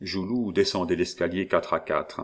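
A man narrating a novel in a steady, measured reading voice. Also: low-pitched. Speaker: audiobook narrator.

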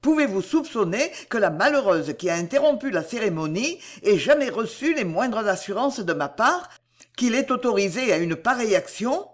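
A passionate young gentleman from an old novel, proud and pleading, speaking in earnest, declamatory phrases, voiced by a woman reader. His lines swing in pitch with feeling. This is an audiobook reading. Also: lively intonation, normal speed.

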